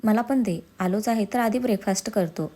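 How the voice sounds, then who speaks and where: A woman's voice: mid-range voice, normal speed, dark tone, natural voice. A woman voicing an irritable, overworked young husband in a storybook reading. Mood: whiny. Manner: curt, exasperated, then coaxing.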